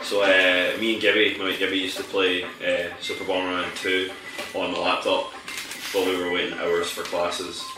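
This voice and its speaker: Low-voiced man, echoey and distant. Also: completely flat delivery, normal speed. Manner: rambling, swears casually. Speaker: podcast co-host playing games. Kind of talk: casual banter while gaming. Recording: echoey room from far off, music behind.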